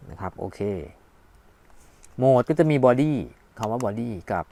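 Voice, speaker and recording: A man's voice: mid-range voice, lively intonation, slow pace, gravelly, a little mellow. A man casually demonstrating a thermometer at home, thinking aloud and narrating each button press as he goes. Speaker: product reviewer. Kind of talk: casual hands-on product demo. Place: at home indoors. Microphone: phone camera.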